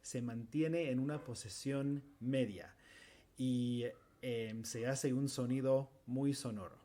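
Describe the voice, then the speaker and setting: A man teaching English pronunciation, speaking slowly and patiently. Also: medium pitch, dark tone, slight background noise. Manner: slow, patient, models words for repetition. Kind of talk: slow language lesson.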